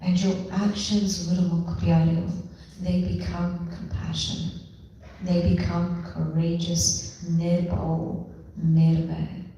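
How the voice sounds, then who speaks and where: A woman leading a guided meditation in a slow, gentle, devotional way, mixing in Punjabi phrases. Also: fairly low pitch, completely flat delivery, gravelly, dull audio. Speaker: spiritual session leader. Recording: very echoey room, voice from far off.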